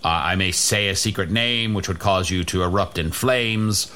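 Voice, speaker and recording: A man's voice: low-pitched, normal speed, bright, forceful tone, a little hiss or hum. A man playing a pompous, easily exasperated wizard champion in improvised comic fantasy. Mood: pompous threatening. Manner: pompous, declamatory, sweary.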